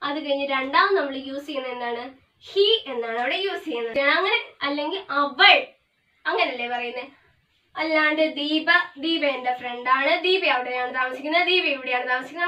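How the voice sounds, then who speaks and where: A woman teacher walks through a grammar lesson, slowing down for the English definitions. Her voice sits high and sounds bright and sharp. It bounces around an echoey room, a little way from the mic. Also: recorded from a distance. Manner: explains in Malayalam with English terms, slows down for definitions.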